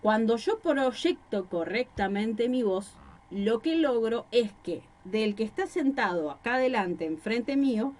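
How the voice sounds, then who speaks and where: A woman's voice: on the high side, lively intonation, unhurried, darkish tone. Rosario-accented woman teacher, patient explainer, poses questions and answers them, mic in small room. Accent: Rosario Argentine Spanish. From Rosario, Argentina. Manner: explanatory, gives examples and asks rhetorical questions. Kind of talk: recorded class lecture. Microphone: microphone.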